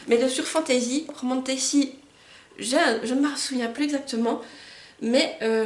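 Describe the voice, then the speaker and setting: A woman's voice: high-pitched, darkish tone. A woman book vlogger chatting eagerly about new books and reading their back-cover summaries aloud. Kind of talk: casual book haul vlog. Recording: roomy echo.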